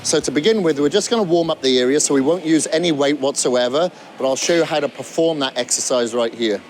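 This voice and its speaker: A man's voice: fairly high pitch, quick pace, slight background noise. A man coaching beginners through a gym workout, talking while he demonstrates exercises and sometimes out of breath. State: out of breath at times. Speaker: fitness trainer.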